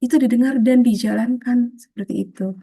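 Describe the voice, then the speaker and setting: A woman teaching a healing webinar over a video call in a soft, patient way, often calling her listeners friends and acting out short bits of self-talk in a higher voice. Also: moderate pace, vocal fry, husky.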